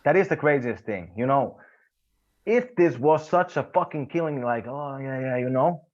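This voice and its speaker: Male co-host, middle pitch, blunt ranting chat, muffled lo-fi recording. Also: expressive, normal speed. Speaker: podcast co-host. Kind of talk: casual chat. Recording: slightly dull lo-fi sound.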